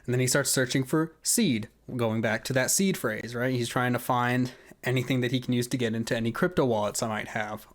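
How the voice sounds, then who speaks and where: A man's voice: mid-range voice, brisk, hardly any pauses. A man giving casual, conversational screen-recording commentary, explaining step by step and often checking in with the listener. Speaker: video creator walking through an account hack.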